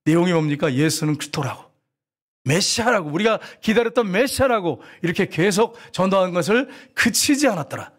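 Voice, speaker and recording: A man's voice: sits high, expressive, a little fast. A male pastor preaching a sermon, telling stories and asking the congregation questions.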